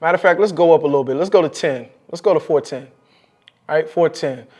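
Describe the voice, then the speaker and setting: A man's voice: a little high, fast, a little mellow. A man coaching on public speaking in a fervent, preacher-like way, calling out "come on" and restarting his words. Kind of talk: faith-based motivational talk. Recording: clear music bed under voice. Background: music.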